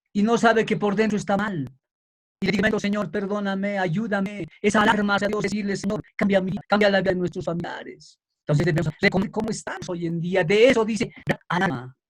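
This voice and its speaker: A man preaching a sermon in an emphatic way, building up to fervent shouting. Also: sits high, steady tone, fairly quick.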